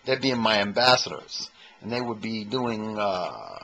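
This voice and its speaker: A man's voice: on the low side, animated, a little slow, vocal fry, bright, forceful tone, a little hiss or hum, rough recording. A man in his fifties doing a rambling, self-mocking comedy monologue to a camcorder in his own room. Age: 50s. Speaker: amateur comedian and impersonator. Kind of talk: stand-up comedy monologue to camera. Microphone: handheld camcorder mic.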